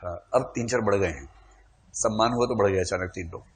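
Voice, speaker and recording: A man's voice: lowish voice, a little fast. A man teaching a classroom lecture, quizzing his students, calling for shows of hands and teasing them playfully.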